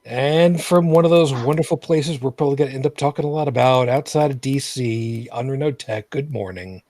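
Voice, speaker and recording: A male main host with a slightly husky voice, recorded close and dry over an online setup. He rambles casually, restarting phrases and dropping dry sarcasm. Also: mid-range voice, fairly quick, a little mellow, no room sound. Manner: rambling, filler-heavy, repeats and restarts phrases. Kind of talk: casual live vlogcast chat.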